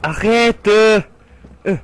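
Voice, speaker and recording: A young man commentating his horror game play, screaming and swearing in panic, then muttering quietly. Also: high-pitched, extremely slow, clean tone. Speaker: gamer playing horror games.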